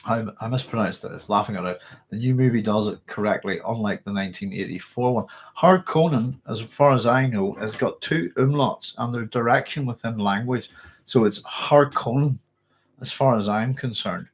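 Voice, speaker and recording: There's slight background noise as a Northern Irish man hosts a casual live stream, chatting and going through comments. He speaks at medium pitch and a moderate pace, rambling with frequent fillers and restarts, his throat tickled by a cough.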